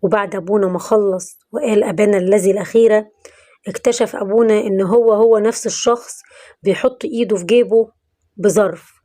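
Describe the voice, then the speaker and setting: A woman with an Egyptian accent, narrating a religious story in a warm, moralizing way. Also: mid-range voice, fairly even intonation, brisk. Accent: Egyptian Arabic.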